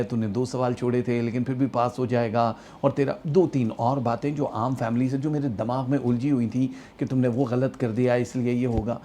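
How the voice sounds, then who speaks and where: Storyteller, male, mellow tone, acts out quoted dialogue, faint room hiss. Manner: animated storyteller, acts out quoted dialogue, rising emotional pitch. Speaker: actor and astrologer telling a personal story. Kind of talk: storytelling monologue.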